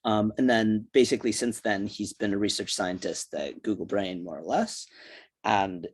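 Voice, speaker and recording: A man's voice: fairly low pitch, fairly even intonation, normal speed, husky. A man hosting and introducing a speaker on a video call, loose and chatty with many fillers.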